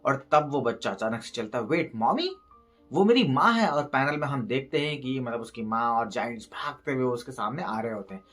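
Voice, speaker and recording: An excitable man talks through a manga chapter in a loose, conversational way. His voice sits at an ordinary middle pitch, and he keeps breaking off to address his listeners. Faint music plays quietly underneath. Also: brisk, few pauses. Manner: excitable, peppers speech with "bhai" and "matlab", acts out quoted lines. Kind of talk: casual Hinglish recap of a manga chapter.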